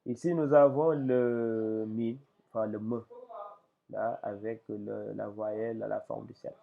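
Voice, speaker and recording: A man teaching Arabic letters in a lesson, speaking slowly and hesitantly with many fillers and a gravelly voice. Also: lowish voice, fairly even intonation. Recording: tinny lo-fi phone-like audio.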